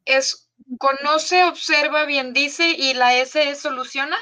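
A woman hosting a casual conversation, halting as she speaks, with many restarts and fillers. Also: sits high, steady tone, pushed and bright.

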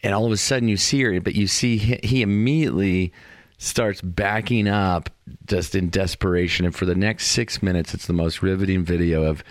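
Deep-voiced man telling stories. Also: moderate pace, no room sound, studio quality. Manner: relaxed, joking storyteller. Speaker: podcast co-host. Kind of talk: casual chat.

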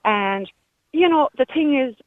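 A woman's voice: sits high, lively intonation, measured pace, no room sound. A woman in her fifties with a Kerry Irish accent, giving blunt, emphatic, no-nonsense opinions as a caller to a radio phone-in. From Ireland. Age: 50s. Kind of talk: opinionated casual chat. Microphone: phone call. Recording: muffled narrow-band phone line.

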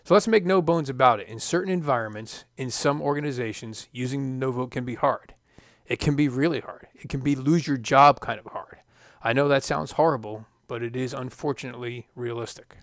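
A middle-aged former test pilot hosts a scripted podcast monologue, measured and emphatic with dry asides. His voice is medium-pitched, and the recording has no echo.

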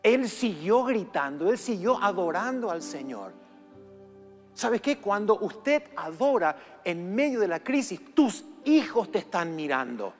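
A man's voice: sits high, very animated, a little slow. A man preaching as a guest speaker in a church auditorium, exhorting the congregation with impassioned fervor. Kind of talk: sermon with sung worship. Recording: reverberant hall with music behind.

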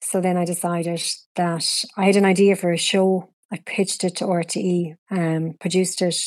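A middle-aged woman with a west of Ireland Galway accent, a TV producer and presenter, chats and explains while answering interview questions. Her lowish voice is flat and a little mellow at normal speed, with no room sound.

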